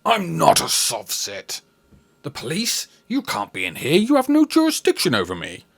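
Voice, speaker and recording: A man's voice: on the high side, huge pitch swings, measured pace, gravelly, a bit bright, slightly rough, pitched above the performer's own voice, exaggerated voice. A man playing a blustering self-deluded grifter. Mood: indignant. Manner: indignant, blustering. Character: stubborn, self-deluded male con man, Scrooge type.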